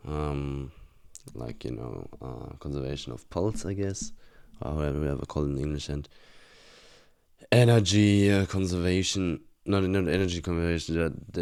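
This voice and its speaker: A man's voice: a bass voice, darkish tone, smooth. A young man with a German accent, a student thinking aloud as he reviews an old exam, hesitant and full of fillers and restarts.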